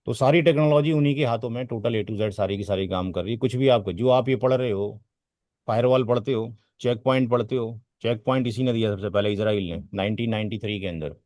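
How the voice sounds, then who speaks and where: A man's voice: lowish voice, a little fast, a little mellow, no echo. A man teaching a networking class in a lecture style, drifting off topic, repeating words for emphasis and asking his students rhetorical questions. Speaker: networking trainer.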